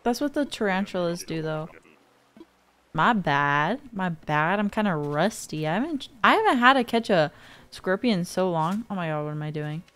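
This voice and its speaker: A woman's voice: lowish voice, very animated, moderate pace, fairly bright tone. A young woman casually commenting on her gameplay, chatty and easily spooked, with gasps and giggles. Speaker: gaming streamer. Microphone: studio dynamic mic.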